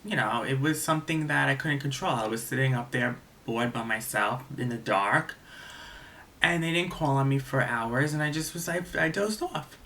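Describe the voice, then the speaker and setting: A man's voice: mid-range voice, sharp tone. A young man telling a casual story in a rambling way, full of fillers and swearing. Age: young adult. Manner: rambling, filler-heavy, profane.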